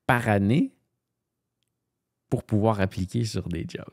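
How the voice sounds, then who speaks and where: A voice-over narrator offers casual screen-share commentary in a very low, gravelly voice with a Canadian French accent, speaking a little slowly. He rambles and thinks aloud, full of fillers and restarts. The sound is dry and close, with no room ambience.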